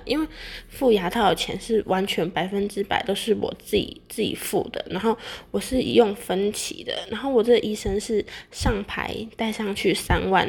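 Chatty young Taiwanese woman with creaky voice. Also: mid-range voice. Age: young adult. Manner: rambling, repeats words and corrects herself. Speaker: vlogger sharing personal experience. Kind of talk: casual chatty monologue to viewers.

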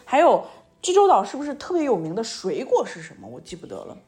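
A woman with a fairly high, slightly mellow voice talks fast with huge pitch swings while casually interviewing a young child as a language teacher. She prompts with short questions and repetition, dropping foreign words into her sentences.

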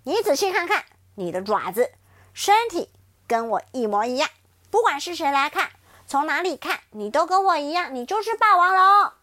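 A woman's voice: high-pitched, very animated, a little slow, fairly bright tone, full character voice. A woman playing a taunting tyrannosaurus uncle. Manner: taunting, laughing menacingly. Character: menacing adult male tyrannosaurus, gloating.

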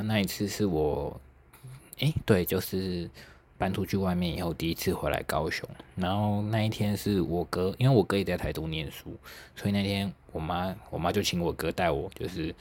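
Low-voiced Taiwanese young man telling stories. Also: a little hiss or hum. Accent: Taiwanese Mandarin. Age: young adult. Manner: chatty, self-mocking, laughs, mild swearing. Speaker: podcast host. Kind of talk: casual solo storytelling.

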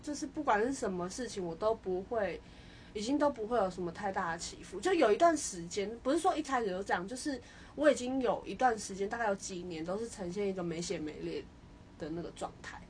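A woman's voice: mid-range voice, animated, fast, darkish tone, slight background noise. A young woman co-hosting a podcast, talking reflectively and hesitantly in casual chat. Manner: reflective, hesitant, with frequent restarts. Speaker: podcast co-host.

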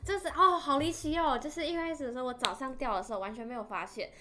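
A woman podcast co-host, chatting casually, giggly and excitable. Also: high-pitched, fast, background noise. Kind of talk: casual chat.

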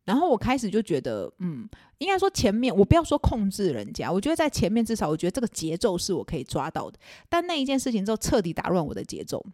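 Fast-talking Taiwanese woman venting. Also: medium pitch, no echo, studio quality. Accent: Taiwanese Mandarin. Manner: animated, venting with bursts of exasperation. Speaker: podcast host. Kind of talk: casual confessional storytelling.

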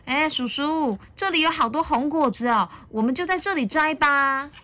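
Woman putting on a squealing little boy dinosaur. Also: moderate pace. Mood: cheerful. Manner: high excited squeals. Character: young boy dinosaur, hotheaded and sweet.

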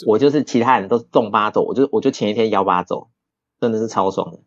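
Fast, dry-sounding young man. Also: on the low side, no room sound, muffled recording. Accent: Taiwanese Mandarin. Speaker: podcast guest. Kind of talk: casual storytelling chat.

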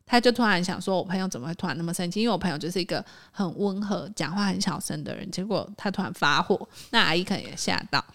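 A woman, co-hosting a casual chat podcast and telling stories from her design work with lively, acted-out quotes. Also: fairly low pitch, fast, few pauses. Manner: animated storyteller, acts out quoted people. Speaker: podcast co-host.

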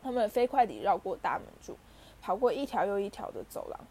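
A woman reading a storybook aloud as narrator, lively and voicing the characters. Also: medium pitch, a little fast, slightly rough. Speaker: audiobook reader.

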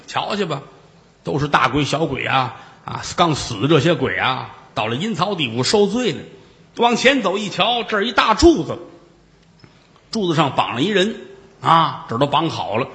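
A man telling a comic ghost story solo, with playful asides and acted-out shouts. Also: a little high, creaky. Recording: reverberant room.

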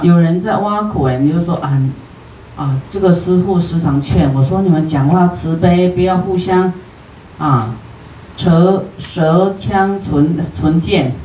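A Buddhist teacher with a Taiwanese Mandarin accent gives a sutra lecture in a homely, chatty manner, dotting sentences with drawn-out particles. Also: mid-range voice, darkish tone, slight background noise. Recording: roomy hall, distant from the mic.

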